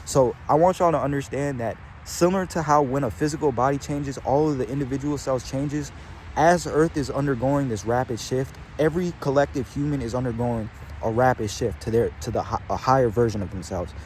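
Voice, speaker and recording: A young man gives a loose, profanity-laced spiritual pep talk, drifting off topic and calling his listeners bro and gang. His voice sits at a middling pitch. Faint traffic hums behind him outdoors. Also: fairly quick, darkish tone. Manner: rambling, slangy, heavy swearing, calls listeners bro and gang. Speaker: spiritual channeler vlogger.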